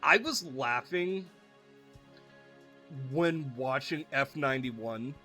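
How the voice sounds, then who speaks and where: A man's voice: mid-range voice, lively intonation, slow pace, pushed and bright, soft background music. A man giving casual, joking commentary while playing a video game. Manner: chatty, joking, reads game lines aloud in silly voices. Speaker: gameplay streamer. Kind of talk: casual let's-play commentary.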